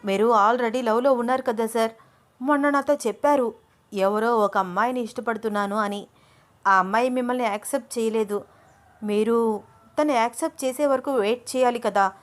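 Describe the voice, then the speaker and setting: A touchy young woman student in an audio story, played by the female narrator. She speaks in an indignant, accusing tone in a plain middle-pitched voice. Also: steady tone, normal speed, pauses often, close to an everyday voice.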